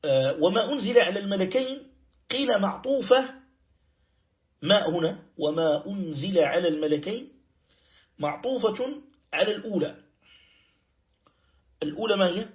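A man teaching a Quran commentary lesson, reciting verses slowly and checking that his students follow. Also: high voice, expressive, lo-fi sound. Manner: explains slowly, quotes verses and checks with "clear?". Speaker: Islamic teacher. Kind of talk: tafsir lesson.

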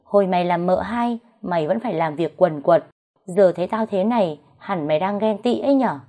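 A woman's voice: brisk, dark tone. A woman voicing a smug, scheming, pregnant young second wife who taunts and whines in accusation. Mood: taunting. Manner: shrill, whining accusations.

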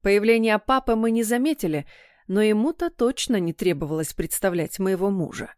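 A woman narrating a first-person audiobook in an even, expressive storytelling manner. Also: medium pitch, normal speed, no echo, clean studio sound.

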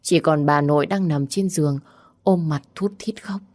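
A woman calmly narrating a dramatic story in an even reading style. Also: low-pitched, normal speed, dry recording, clean studio sound.

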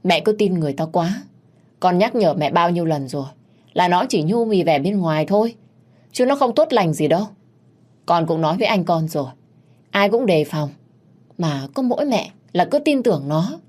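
A woman reading a story aloud, voicing a sharp-tongued young daughter who talks in an indignant, pressing way. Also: on the low side, animated, moderate pace.

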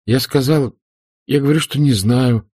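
A man's voice: medium pitch, normal speed, a little mellow, slightly rough, voice pushed up, close to an everyday voice. A man voicing a shy, unhappy little boy in an audiobook, hesitant and stammering. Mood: timid. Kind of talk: audiobook character voice.

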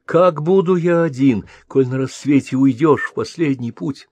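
A man's voice: medium pitch, moderate pace, a little mellow, no room sound, voice pushed up, close to an everyday voice. A male reader voicing a weary young warrior prince, curt and commanding. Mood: troubled.

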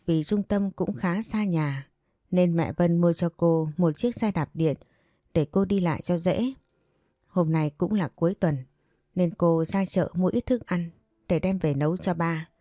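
A woman narrating a family drama story in a calm, steady storytelling manner. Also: on the low side, unhurried, no room sound, clean studio sound.

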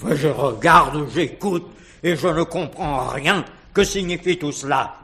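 A pompous, bewildered old general. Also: male voice, on the high side, measured pace, pushed and bright. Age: older. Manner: pompous, fussy. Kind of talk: 1960s radio drama acting.

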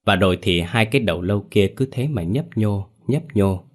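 A man's voice: lowish voice, expressive, moderate pace. Man narrating a ghost story.

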